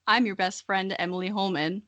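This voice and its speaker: Speaking fairly quickly with fairly even intonation, a Missouri-born podcast host in her early twenties keeps the conversation loose, funny and self-deprecating. Her voice is medium-pitched with a fairly bright tone.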